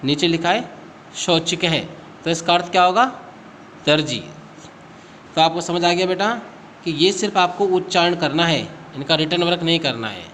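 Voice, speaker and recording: Calling his pupils beta, the teacher patiently works through a recorded lesson by asking questions and supplying the answers. His fairly high, slightly bright voice moves at a fairly quick clip over light background noise.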